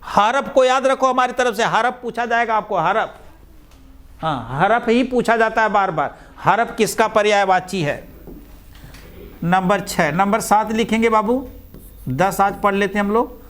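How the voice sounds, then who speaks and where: A male teacher, dictating vocabulary slowly and repeating each word. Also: sits high, fairly bright tone. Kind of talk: dictation-style Hindi vocabulary lesson.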